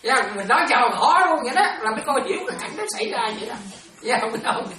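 A woman's voice: on the high side, animated, fast talker, crowd noise. A woman teaching in a Buddhist talk, chatty, often checking whether listeners follow and laughing now and then. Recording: echoey room, distant mic, noisy.

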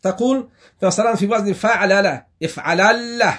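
A man from Afghanistan with a fairly high voice gives a classroom lesson. He keeps putting questions to the class and answering them himself, repeating each term. His delivery is halting, with frequent restarts. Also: fairly bright tone. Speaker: religious teacher.

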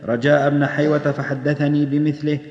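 Man reading in a flat monotone. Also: on the high side, a little fast. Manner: flat, steady recitation. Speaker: reader of hadith text. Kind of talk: reading religious text aloud. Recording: echoey hall, dull old tape.

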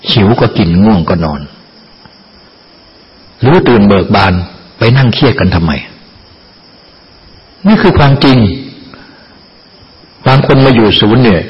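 A male dharma teacher preaches with a lively, swooping voice and a teasing, plain-spoken way of talking. The recording is dull and lo-fi. A long reverb trails each phrase. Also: medium pitch. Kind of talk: dharma talk.

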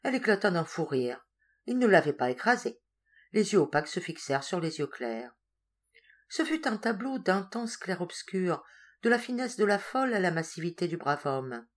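A woman narrating a literary story in a measured, expressive reading voice. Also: fairly low pitch. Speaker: audiobook reader. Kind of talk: scripted narration.

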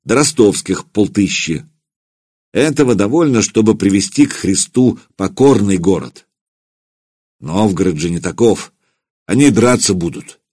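A man voicing a cold, commanding old voivode in an audiobook, speaking in clipped, quietly menacing phrases. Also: on the low side, lively intonation, measured pace, breathy edge. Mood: measured. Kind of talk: audiobook character voice.

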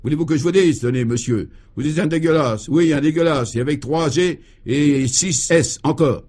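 Here a man voices a furious, irascible governor in 1950s radio theater, bellowing and sputtering through tirades. His voice is a little high, a little mellow and a little fast, and the acting is light.

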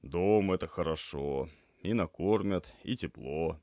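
A man reading an audiobook, voicing a calm, laconic young male student. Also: low voice, a little slow, no room sound, studio quality.

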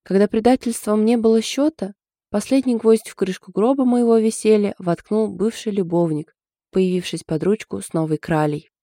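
A woman voicing a sharp-tongued, sarcastic young woman who talks loudly and dramatically in an audiobook. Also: medium pitch, normal speed, no echo, clean studio sound, voice pushed up, lightly acted. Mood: mock-dramatic. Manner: loud, dramatic, grumbling.

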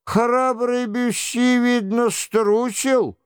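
Man voicing a cocky Gascon nobleman, high, mocking, scornful, dry sound. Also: steady tone, drawn-out words, clear, resonant tone, no echo, heavily acted. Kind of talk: audiobook character reading.

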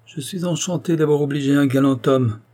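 A man reading an older, lively country doctor in an audiobook, speaking briskly and emphatically. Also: fairly high pitch, pitched above the performer's own voice, close to an everyday voice. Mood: courteous.

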